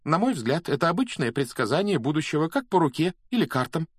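A man voicing a high, earnest schoolgirl. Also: big pitch swings, fast, husky, no echo, clean studio sound. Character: young schoolgirl, anxious but reassuring.

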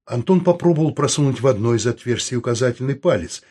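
A man narrating an audiobook in a steady, even storytelling manner, with a husky voice. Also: medium pitch, fast.

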